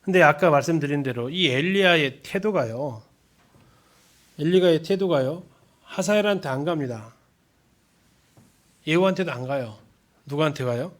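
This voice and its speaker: A man's voice: a little high, lively intonation, moderate pace, pauses often. A man leading a Bible study lesson in a church, reading scripture aloud and putting questions to the congregation. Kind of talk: sermon-style Bible lesson.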